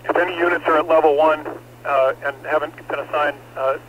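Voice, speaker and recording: A man commands a fire scene over a static-laden two-way radio. His slightly high voice stays in a narrow, even range as he gives urgent, terse firefighter orders, with brief hesitations. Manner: terse, directive, hesitant pauses with uh. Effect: two-way radio transmission. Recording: noisy, clicking, band-limited fire radio traffic.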